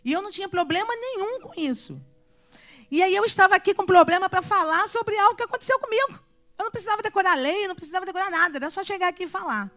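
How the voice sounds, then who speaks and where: A woman in her thirties from Brazil giving a church testimony, telling her story with animated storytelling and acting out the dialogue. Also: very high-pitched, quick pace, soft background music. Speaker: guest speaker giving a testimony.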